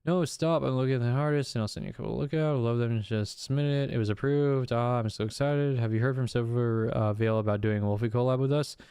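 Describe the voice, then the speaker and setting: A man's voice: medium pitch, quick pace, hardly any pauses, clear, resonant tone, no echo, clean studio sound. Man, streamer type, reading logs off screen, plain mid voice, breaks off to comment. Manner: reads text flatly, breaks off with swearing and laughs. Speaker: streamer reacting to a document. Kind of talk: casual reading of messages aloud with commentary.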